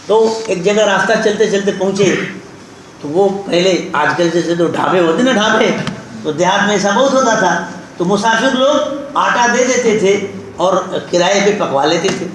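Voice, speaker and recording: A man preaching a sermon, telling a story and speaking straight to his listeners. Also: high-pitched. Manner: tells a story and addresses listeners directly. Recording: very echoey hall with background noise.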